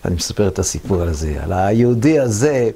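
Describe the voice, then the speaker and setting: A man in his seventies tells his wartime memories in an interview. His low voice is rough and gravelly. He tells it vividly and mimics the people he quotes. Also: animated, mellow. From Israel. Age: 70s. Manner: vivid storytelling that acts out the voices of others. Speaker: war veteran interviewee. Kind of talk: recounting war memories in an interview.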